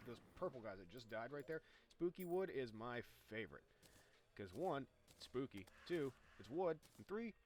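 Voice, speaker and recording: A man's voice: mid-range voice, background noise. Rambling, jokey man narrating gameplay. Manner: rambling, jokey, excitable at big hits. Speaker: gaming YouTuber. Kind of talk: casual gameplay commentary.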